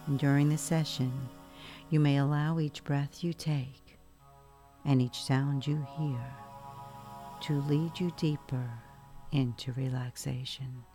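Very slow, soft-spoken woman guiding meditation. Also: rumbling low, fairly even intonation. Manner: soft, soothing, hushed spa-like delivery with long pauses. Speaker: meditation guide. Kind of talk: guided relaxation meditation. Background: music.

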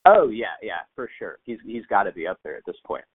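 A fairly low-voiced man talks as a podcast guest, stopping and restarting often between fillers. His voice comes through a thin, phone-like remote line. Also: lively intonation, fairly quick, husky. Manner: hesitant, many fillers and restarts. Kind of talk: casual interview chat.

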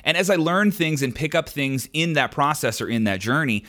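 A young man hosting his own podcast speaks on the high side, expressive and forceful, with a bright tone at normal speed. Answering listener questions, he's candid and rambling, often saying um and restarting, on a podcast microphone.

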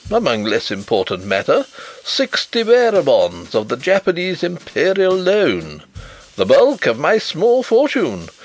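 A man voicing a pompous, irate elderly professor who booms his indignant demands. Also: exaggerated voice. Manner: booming, indignant.

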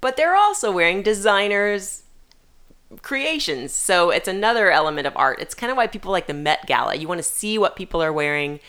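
A woman's voice: mid-range voice, expressive, fairly quick, a bit bright, clear, resonant tone. A woman co-hosting a casual comedy podcast with her partner, teasing him as she explains things matter-of-factly. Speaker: podcast co-host. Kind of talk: casual comedic couple chat.

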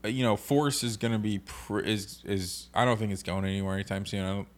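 A man with a fairly low voice co-hosts a casual podcast. He explains game card rules steadily and methodically. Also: fairly even intonation, fairly quick. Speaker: podcast co-host. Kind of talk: casual podcast chat, reading game cards aloud.

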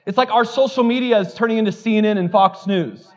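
A man's voice: sits high, quick pace, dull audio. A man preaching a sermon as pastor in a church, candid and conversational, joking at his own expense and filling his talk with "like.". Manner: candid, conversational, self-deprecating, many "like" fillers.

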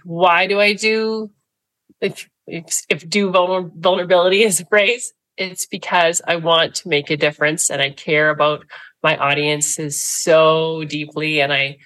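A woman in her forties from Canada, a guest speaker telling personal stories in a candid interview, earnest and animated, laughing through hard moments. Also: lowish voice, rough recording.

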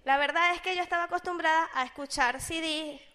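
A high-pitched woman with a Venezuelan accent tells a personal story in a casual, chatty way. She is animated and jumps in pitch when she acts out what other people said. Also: a little fast. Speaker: speaker sharing a personal business testimony.

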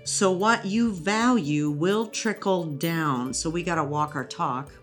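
A woman educator explaining thinking skills in a relaxed interview, teacherly and quick to laugh. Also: lowish voice, faint music behind. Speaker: educator guest. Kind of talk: conversational interview.

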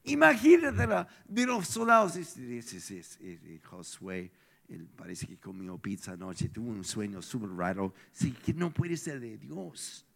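A tired, throat-strained man preaching a lively storytelling sermon as pastor, jumping from shouts to hushed asides. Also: medium pitch, unhurried, gravelly.

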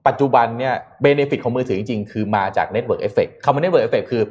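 A man's voice: medium pitch, normal speed, a little mellow. A man co-hosting a casual talk show, explaining tech news patiently and filling his speech with polite particles. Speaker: co-host. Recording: slightly dull lo-fi sound.

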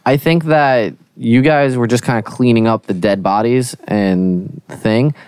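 A man narrating a tabletop game as its game master, in a smooth, clear voice recorded close and dry. He is relaxed and easygoing, filling pauses with casual fillers. His pitch sits in a middle range. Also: no echo. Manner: relaxed, easygoing, frequent "cool" and "um".

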